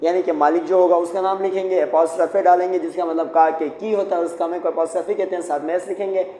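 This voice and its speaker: A man's voice: high-pitched, fairly even intonation, quick pace, dark tone. A man teaching English grammar, patiently explaining each step and repeating key points. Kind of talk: classroom lesson at a whiteboard. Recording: echoey room, faint background noise.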